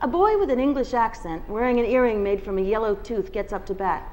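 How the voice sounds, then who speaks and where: The guest reader at a bookstore event tells a first-person novel expressively before an audience. Her voice is on the high side, a little mellow, and she reads fairly quickly.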